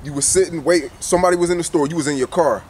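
A man's voice: on the high side, very fast, darkish tone, a little hiss or hum. Off-camera man asking probing questions. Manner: probing, repeats words when starting questions. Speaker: interviewer. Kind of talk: casual interview questions. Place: outdoors off camera.

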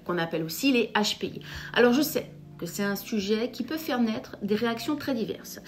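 A middle-aged French woman, a psychotherapist, hosting an emphatic direct-to-camera explainer and addressing viewers directly. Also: a little high. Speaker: psychotherapist and YouTube host.

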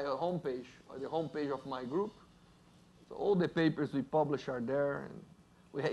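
A man with a Brazilian Portuguese accent, a native Portuguese speaker, giving a lively university physics lecture and joking with the audience. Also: on the high side. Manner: lively, jokes with audience, asks "right?".

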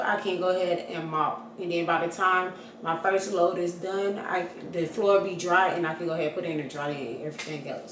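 A woman's voice: medium pitch, slight background noise. Chatty young woman vlogging at home. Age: young adult. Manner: chatty, talks straight to camera, slangy and animated. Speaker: lifestyle vlogger. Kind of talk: casual vlog narration. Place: apartment kitchen and living room, indoors. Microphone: handheld or propped camera at close range. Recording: echoey apartment room, faint ambience.

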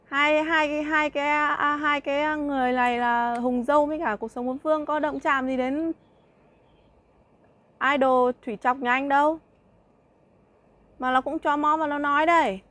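A woman's voice: high voice, fairly even intonation, moderate pace, long pauses, a bit bright. A young woman vlogger in a heated monologue, mocking a rival with scornful jabs, laughter between lines and repeated rhetorical questions.

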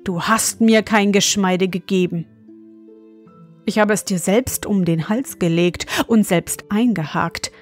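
A woman's voice: mid-range voice, slow pace, faint music behind, close to an everyday voice. A woman voicing an earnest young king's son in a fairy tale, asking probing questions. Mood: stern.

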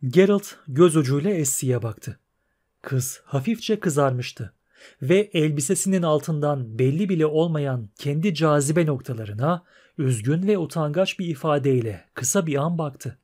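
A man reading a fantasy audiobook as narrator, in a steady storytelling manner. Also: on the high side, unhurried.

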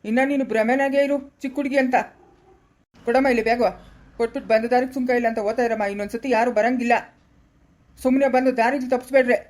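A woman plays a harsh in-law in a home-made family drama. The voice has a rural Karnataka accent and sits fairly high. She scolds in a loud, cutting way. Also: fairly even intonation, fast talker, close to an everyday voice. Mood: scolding. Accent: rural Karnataka Kannada.

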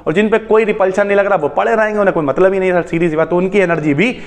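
A man teaching a chemistry lesson in a lively, chatty way, asking questions and answering them himself. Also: high voice, very fast, big-room sound. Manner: asks and answers his own questions, chatty asides. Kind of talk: lively classroom lecture.

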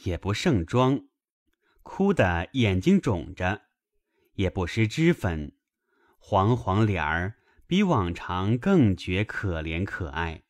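A man narrating a classic novel aloud in a measured, expressive storytelling manner. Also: deep voice, dry recording.

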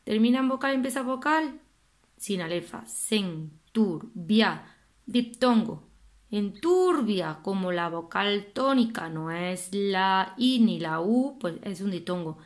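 A woman's voice: medium pitch, lively intonation. Patient Spanish woman teaching poetry. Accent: Spain Spanish. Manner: patient, spells out syllables slowly. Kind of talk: classroom explanation of poetry meter.

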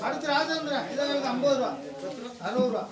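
A man working as a fish auctioneer, rattling off rising bids in a fast sing-song chant at an outdoor village market. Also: very high-pitched. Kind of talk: rapid auction calling. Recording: echoey, loud crowd around.

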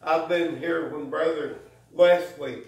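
A man closing a church service with slow, folksy, chuckling exhortation. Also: fairly high pitch, steady tone, darkish tone. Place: church sanctuary. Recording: echoey church from a distance.

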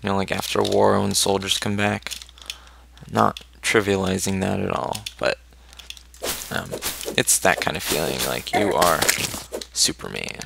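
Man, let's play commentary, rough fry-heavy voice, noisy recording with clacking keys. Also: low-pitched, a little slow, long pauses. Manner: chatty, thinks aloud, talks to his character. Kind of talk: casual gameplay commentary. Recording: noisy home recording with keyboard clicks. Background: loud keyboard clicks and typing.

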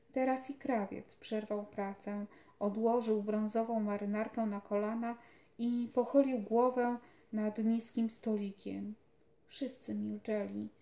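Woman storybook narrator, slightly high voice, slow and calm, echoey room. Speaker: mother reading aloud. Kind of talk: audiobook narration. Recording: roomy echoey home recording.

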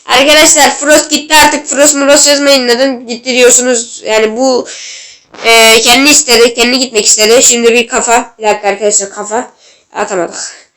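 A woman hosting a gaming channel, giving gameplay commentary in an excitable way and yelling at the referee, and she is a little ill. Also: a little high, fairly quick. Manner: excitable, shouts at the game and referee. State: slightly ill.

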